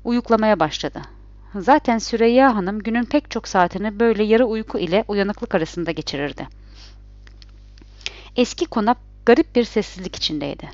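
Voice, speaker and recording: A woman narrating a suspense story in a slow, measured reading voice. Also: mid-range voice, lively intonation, a little mellow, no echo, muffled recording.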